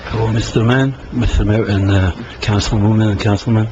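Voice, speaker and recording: Halting man from the Soviet Union. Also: fairly low pitch, steady tone. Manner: halting and earnest, with many fillers and restarts. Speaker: resident making a public comment. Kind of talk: public comment at a town council meeting. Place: town council meeting room. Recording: dull lo-fi meeting recording with faint hiss.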